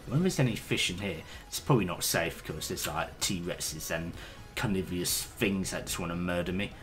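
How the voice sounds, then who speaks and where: A man's voice: low voice, a little fast, a bit bright, faint music behind. A man streaming a game, chatting casually with hesitant, rambling talk and the odd swear. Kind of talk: casual gaming stream chat.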